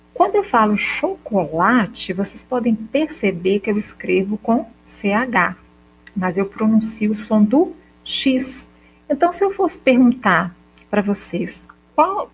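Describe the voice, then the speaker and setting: A woman teacher with a Brazilian accent explaining a lesson step by step, slowly sounding out example words and checking in with her students. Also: a little high, slight background noise, rough recording. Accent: Brazilian Portuguese. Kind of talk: recorded school lesson.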